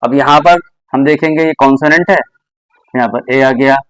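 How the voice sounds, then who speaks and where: A man's voice: medium pitch, moderate pace, a bit bright, dry recording, low-quality recording. A man teaching English grammar, explaining step by step and repeating examples patiently. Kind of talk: classroom grammar lesson.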